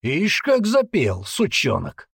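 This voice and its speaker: A man voicing a gruff, brutal old male warrant officer who barks and taunts loudly. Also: a little high, big pitch swings, measured pace, no room sound, studio quality, voice pushed up. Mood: menacing. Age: older. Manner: barking, taunting, loud.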